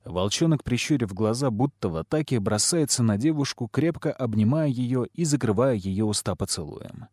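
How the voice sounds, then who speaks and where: A man narrating a fantasy novel in an even storytelling manner. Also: medium pitch, moderate pace, hardly any pauses, no room sound, clean studio sound. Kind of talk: audiobook narration.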